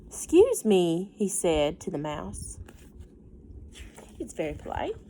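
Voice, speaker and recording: Against a noisy background, a teacher with a low voice reads a picture book aloud to young kids at a slow pace. She is expressive and gently teacherly, sprinkling in casual asides and questions to draw her listeners in.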